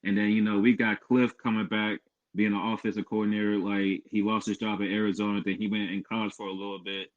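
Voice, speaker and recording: A man's voice: lowish voice, flat delivery, quick pace. A man co-hosting a podcast, talking sports in a laid-back, casual way and often repeating himself. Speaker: podcast co-host. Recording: muffled lo-fi podcast audio.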